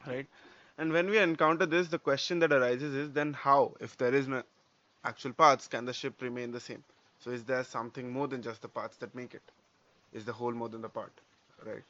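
A man's voice: medium pitch, steady tone, a little fast, bright, forceful tone. Man, mid-range voice, podcast co-host, explanatory casual talk, tag questions, muffled recording. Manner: explains step by step, with check-in questions like "right?". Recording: dull lo-fi audio.

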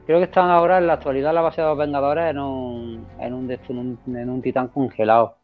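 Excitable man rambling in a dull recording. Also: medium pitch, quick pace, soft background music. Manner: excited, rambling, repeats himself often. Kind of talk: casual chat.

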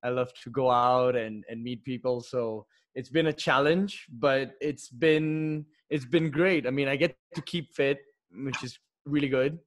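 A man's voice: mid-range voice, steady tone, measured pace, few pauses. A man who grew up in India and Singapore, a podcast guest talking fluently and laughing easily. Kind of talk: casual podcast chat.

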